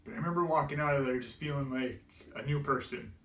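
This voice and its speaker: A man's voice: medium pitch, fast. A man telling an emotional personal story, tearful and laughing through it, his voice breaking. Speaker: vlogger. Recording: roomy echo, distant from mic.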